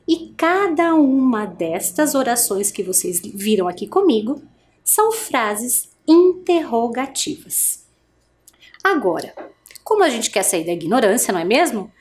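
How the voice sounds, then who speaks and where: A woman teacher giving a video lesson for adult learners, speaking directly to students with exaggerated question intonation. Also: a little high. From Brazil.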